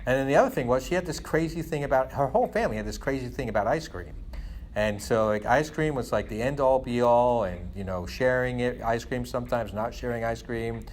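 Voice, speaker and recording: A middle-aged Englishman, born in England to Guyanese parents of Indian descent, vents in casual, rambling conversation, leaning heavily on "you know" and "like." His medium-pitched voice has lively intonation and a fairly quick pace, with slight background noise.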